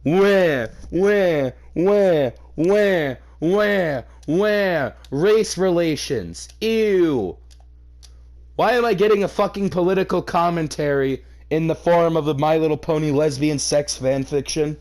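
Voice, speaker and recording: Speaking slowly in a fairly high, slightly mellow voice, a host reads a fan fiction aloud and reacts to it. His commentary is mocking and sweary, with theatrical exasperation for laughs.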